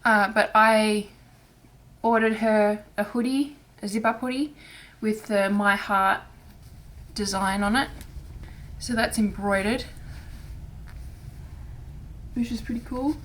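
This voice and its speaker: The audio is poor as a cross-stitch vlogger talks casually on her crafting channel in a steady, mid-range voice. She is hoarse and raspy from throat irritation, speaking softly and haltingly and often starting over.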